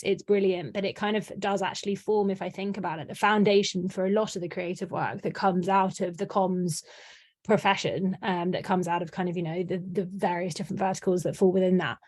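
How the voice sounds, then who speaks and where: A woman in communications speaks as an interview guest, fluent and keen, with many "you know"s. Her voice sits at a middle pitch. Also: fairly even intonation, a little fast, a little mellow. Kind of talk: podcast interview.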